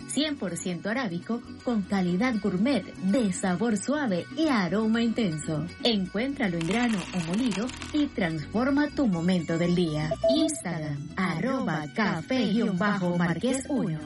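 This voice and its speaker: Woman voicing a coffee ad. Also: mid-range voice. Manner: smooth, inviting sell. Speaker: advertising voice-over. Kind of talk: radio commercial.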